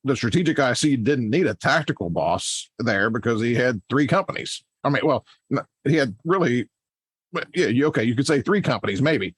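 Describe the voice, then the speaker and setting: A man explaining things in a casual discussion, haltingly, thinking aloud as he goes. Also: medium pitch, expressive, breathy edge, no room sound. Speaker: fire service podcast panelist.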